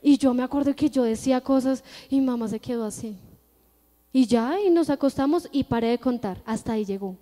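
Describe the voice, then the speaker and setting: Colombian woman preacher, high mellow voice, earnest storytelling testimony, long church reverb. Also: brisk. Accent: Colombian Spanish. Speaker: church speaker giving testimony. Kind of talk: testimony sermon. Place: church hall.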